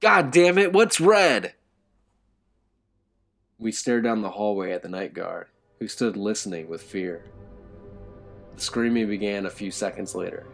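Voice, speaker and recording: Guy reading a creepy story, low tense voice, kinda gravelly. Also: moderate pace, darkish tone, faint music behind. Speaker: narrator. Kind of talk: scripted horror story narration.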